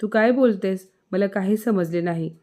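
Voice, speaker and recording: A woman's voice: mid-range voice, moderate pace, mellow, lightly acted. A woman voicing a hurt, angry young husband in a spoken story.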